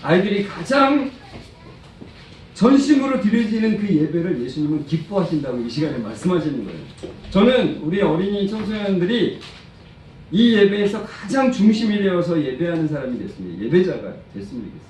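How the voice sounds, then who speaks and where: A man's voice: high voice, expressive, brisk, a little mellow. A man preaching a sermon to children and adults, quizzing the congregation and acting out quotes. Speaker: preacher and praise-song lyricist. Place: church sanctuary. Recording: echoey church hall, distant mic, faint noise.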